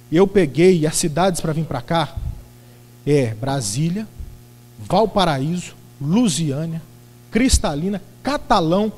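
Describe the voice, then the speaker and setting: High-voiced pastor in a reverberant church. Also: male voice. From Brazil. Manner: lively, theatrical storytelling with acted-out voices and shouts. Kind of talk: sermon. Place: church sanctuary.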